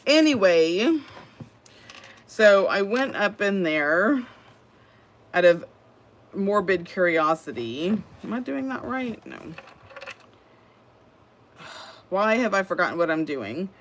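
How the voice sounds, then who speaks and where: A woman's voice: medium pitch, very animated, takes it slowly, pauses often. A middle-aged woman with a Southern US accent chats in a folksy way while crafting on a livestream, often laughing at her own stories. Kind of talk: casual chat while crafting.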